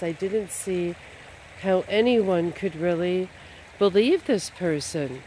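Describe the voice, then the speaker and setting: High-voiced man rambling by a river. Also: darkish tone, a little hiss or hum. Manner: meandering, full of "you know" and "um". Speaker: vlogger. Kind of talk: rambling outdoor monologue. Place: outdoors by a river.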